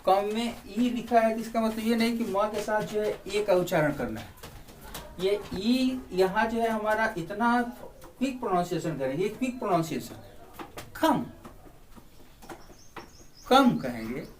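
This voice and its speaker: A man's voice: high voice, lively intonation, normal speed. An Indian man teaching a spelling lesson, switching between Hindi and English and repeating words to drill their sounds. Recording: distant mic, faint background noise.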